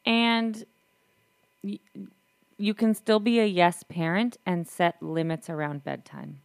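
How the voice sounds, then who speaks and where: Low-voiced young woman, dry close sound. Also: fairly even intonation, takes it slowly, vocal fry, no echo. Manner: easygoing, affirming. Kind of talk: casual chat about parenting.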